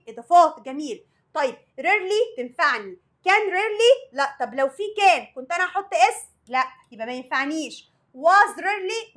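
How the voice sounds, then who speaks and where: A woman's voice: very high voice, a bit bright. A woman English teacher with an Egyptian Arabic accent, going over vocabulary and grammar for an exam, asking the students questions and then answering them herself. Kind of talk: exam review lesson.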